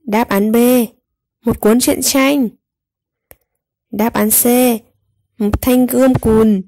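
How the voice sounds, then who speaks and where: Soft-toned mellow lady reading a kids storybook, clear wording, really dry close sound. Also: on the high side, steady tone, slow pace, no room sound. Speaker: children's storyteller. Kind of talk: scripted storybook narration with quiz for young children.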